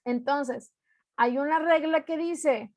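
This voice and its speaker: A woman's voice: high voice, slow pace, a little mellow, no room sound. A young woman from Mexico teaching an online class, patiently explaining rules step by step and repeating them.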